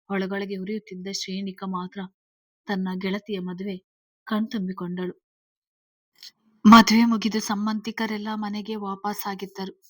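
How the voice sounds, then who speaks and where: A woman narrating a serialized story in a steady reading style. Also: medium pitch, no room sound.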